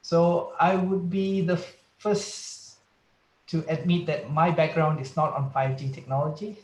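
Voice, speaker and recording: A man's voice: fairly high pitch, reverberant, rough recording. A man from Malaysia, a research scientist, giving a careful, explanatory presentation over a video call. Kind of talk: online conference presentation.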